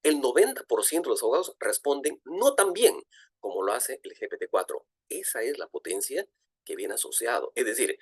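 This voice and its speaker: Animated man giving a virtual lecture. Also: fairly high pitch, no echo, clean studio sound. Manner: animated, frequent fillers and restarts. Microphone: video call.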